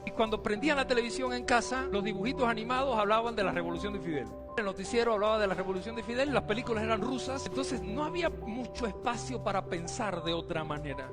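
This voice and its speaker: Man telling his story over loud music. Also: sits high, fast. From Cuba. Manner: emotional storytelling, voice swells and drops. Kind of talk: personal testimony.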